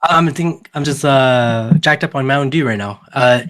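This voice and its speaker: Man, podcast host, casual group chat, jokey, stumbles over words, medium pitch. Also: moderate pace, fairly bright tone.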